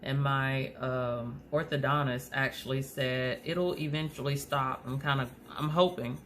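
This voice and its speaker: A woman's voice: very deep voice, steady tone, a little slow, a bit bright, a little hiss or hum. A woman with a slight lisp from aligner trays, hosting a casual craft tutorial and rambling along with many fillers and restarts. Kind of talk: casual how-to talk.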